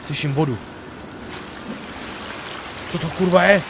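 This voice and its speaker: A young man commentating a survival game, swearing constantly and bursting into shouts. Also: fairly high pitch, vocal fry, noisy background. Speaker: gamer streamer.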